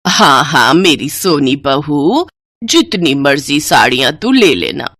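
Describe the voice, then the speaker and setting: A woman's voice: low voice, big pitch swings, takes it slowly, a bit bright, no echo, studio quality, pitched below the performer's own voice, exaggerated voice. Woman playing a bossy, scornful old mother-in-law. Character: harsh scolding older mother-in-law.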